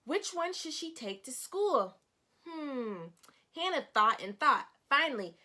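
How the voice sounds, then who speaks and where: A woman with a high, pushed, bright voice reads a picture book aloud in a teacherly way. She guides young children through it and asks them questions as she goes.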